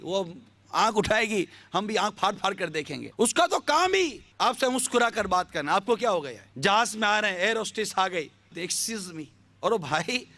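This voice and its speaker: A man's voice: high voice, pushed and bright, no echo. A male preacher giving an impassioned sermon, full of rhetorical questions.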